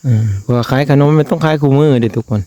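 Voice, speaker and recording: A man with a Lao accent chatting casually to his viewers, with lots of drawn-out fillers. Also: fairly high pitch, dark tone, no echo. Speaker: vlogger.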